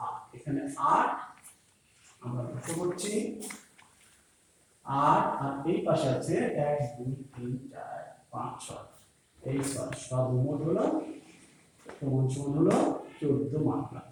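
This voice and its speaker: Bangladeshi teacher in an echoey room. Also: male voice, on the high side, expressive, slight background noise. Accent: Bangladeshi Bengali. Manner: patient, counts syllables aloud slowly. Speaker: school teacher. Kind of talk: classroom lesson on poetry meter. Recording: echoey room, voice a bit far from the mic.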